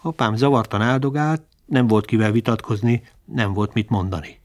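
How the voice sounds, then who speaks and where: A man narrating a literary memoir in a measured, reflective reading. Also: on the low side.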